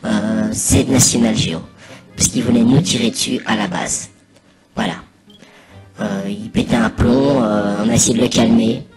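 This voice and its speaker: A man giving a casual, improvised mock commentary over video, rambling hesitantly and pausing mid-sentence. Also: fairly low pitch. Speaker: narrator of a spoof anonymous behind-the-scenes testimony. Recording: voice over loud music. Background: loud music.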